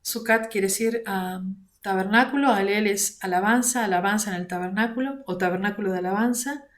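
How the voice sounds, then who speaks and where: A woman from Argentina with an Argentine accent, teaching an online Bible lesson in a measured way, using fillers like "este", recorded on a computer mic. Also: mid-range voice. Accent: Argentine Spanish. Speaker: prayer ministry coordinator teaching a class. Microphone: computer mic on a video call.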